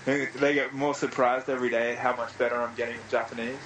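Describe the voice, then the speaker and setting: A man's voice: mid-range voice, flat delivery, quick pace, a bit bright, slight background noise, low-quality recording. A man in his thirties with an Australian accent, telling rambling anecdotes in casual chat and swearing freely. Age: 30s.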